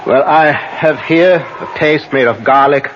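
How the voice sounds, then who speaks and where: A man's voice: a little high, natural voice. A man playing grave Professor Van Helsing, muffled radio. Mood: solemn, intent. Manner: deliberate, halting, solemn. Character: grave, commanding male vampire-hunting professor. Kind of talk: old-time radio drama acting. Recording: muffled, noisy vintage radio recording.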